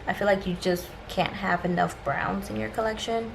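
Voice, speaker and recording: A woman's voice: medium pitch, fairly even intonation, normal speed, gravelly, slight background noise, rough recording. A woman talking casually and directly to viewers as a beauty vlogger, giving an informal shopping haul review.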